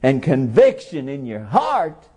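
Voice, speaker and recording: A middle-aged man preaching a folksy sermon, his pitch leaping and falling widely as he talks. His voice is dark and mellow, with plain-spoken rural phrasing. Now and then he rises to a loud cry on a key word. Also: wildly swooping pitch, slow pace, slightly rough. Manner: impassioned, rises to loud cries on key words.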